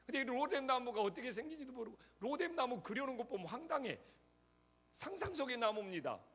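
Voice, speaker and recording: Husky-voiced pastor preaching, lively pitch. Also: male voice, fast talker. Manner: conversational preaching, addresses congregation directly. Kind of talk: sermon. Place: church sanctuary.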